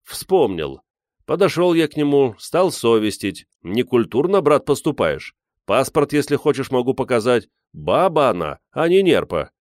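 A man's voice: mid-range voice, sing-song, moderate pace, darkish tone, no echo, studio quality, pitched above the performer's own voice, natural voice. A man playing a sly old polar explorer with a teasing manner who spins tall tales. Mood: joking.

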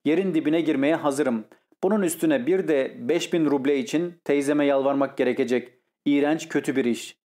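A man's voice: a little high, moderate pace, a little mellow, natural voice. A man voicing an embarrassed, guilty young lieutenant who mumbles his excuses in an audiobook story. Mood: sheepish. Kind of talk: audiobook character reading.

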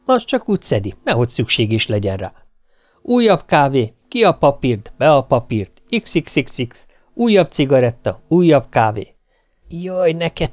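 A man narrating an audiobook with a wry, lively storytelling manner. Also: medium pitch, dry recording. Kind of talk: audiobook reading.

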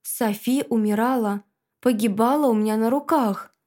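A woman's voice: fairly high pitch, moderate pace, warm tone. Woman narrating a fantasy audiobook.

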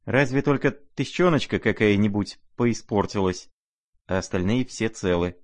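A fawning middle-aged clerk who wails and whines over money, played by a man reading a storybook. His cries climb above the reader's low voice. The sound is dry and close. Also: lively intonation, moderate pace, dry recording, natural voice. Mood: wailing. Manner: wailing, whining.

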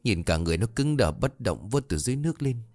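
A man doing a soft-hearted village mother. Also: medium pitch, big pitch swings, quick pace, dry recording, soft background music, natural voice. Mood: sorrowful. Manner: sorrowful, sympathetic.

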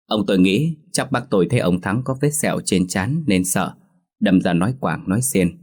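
Low husky male horror storyteller. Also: normal speed, a little mellow. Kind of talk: scripted horror story narration.

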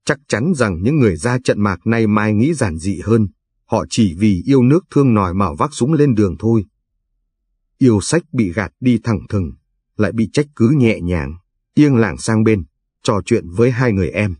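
A man narrating an audiobook in a measured storytelling manner. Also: lowish voice, expressive, a little mellow, husky, dry recording.

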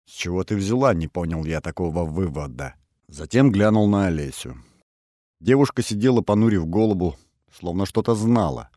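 Deep-voiced male audiobook narrator. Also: animated, moderate pace, warm tone, no room sound, studio quality. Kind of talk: scripted first-person narration.

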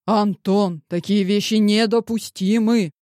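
Brief: woman voicing a gruff disapproving dad, audiobook, dry read. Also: medium pitch, fairly even intonation, a little slow, darkish tone, no echo, lightly acted. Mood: stern. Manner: stern, reproachful. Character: stern older father, gruff and disapproving.

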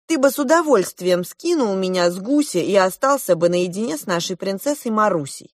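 A woman reading a storybook aloud and voicing a jealous, hot-tempered boy who shouts his retorts. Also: mid-range voice, lively intonation, fairly quick, no room sound, clean studio sound, lightly acted. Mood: angry.

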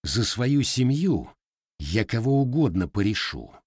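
A defiant young Cossack, voiced by a male reader, terse and blunt, with a lively lilt. Dry, close storybook sound. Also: mid-range voice, measured pace, slightly rough, no room sound.

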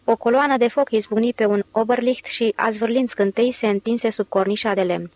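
A woman reading a novel aloud in steady, measured literary narration. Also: a little high, no echo. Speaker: audiobook narrator.

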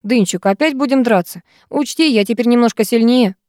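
A woman reading an audiobook, voicing a lanky teenage boy with a calm, mocking manner. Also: a little high, a little fast, no echo, studio quality, close to an everyday voice. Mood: teasing.

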